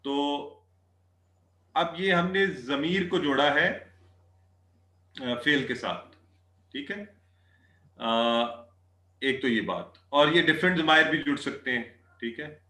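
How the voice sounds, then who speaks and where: A man teaching an online Arabic class, repeating phrases slowly and checking often that the students follow. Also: on the high side, bright, forceful tone. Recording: echoey room.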